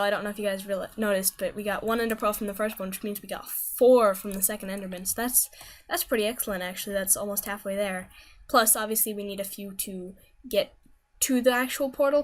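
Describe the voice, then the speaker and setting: A woman's voice: mid-range voice, a little hiss or hum. Chatty woman narrating her gameplay. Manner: chatty, rambling, self-correcting. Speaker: gaming video host. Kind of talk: casual gameplay commentary.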